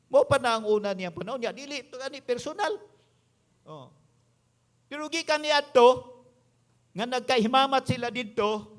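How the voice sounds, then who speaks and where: Preaching with emphasis, this pastor switches between English and his local tongue, speaking in a very high voice. He is a man with a Visayan Filipino accent.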